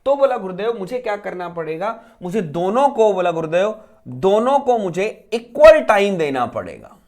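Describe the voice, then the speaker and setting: Animated male coaching teacher. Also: high voice, moderate pace. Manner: asks and answers his own rhetorical questions, repeats key phrases. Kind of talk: exam preparation lecture.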